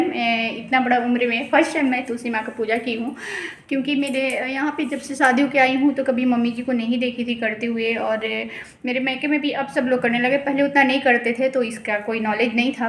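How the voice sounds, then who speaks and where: A woman vlogger talking quickly and casually to the camera in a small indoor prayer room, trailing off with fillers. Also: sits high, fairly bright tone, reverberant, a little hiss or hum. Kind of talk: casual vlog talk to camera.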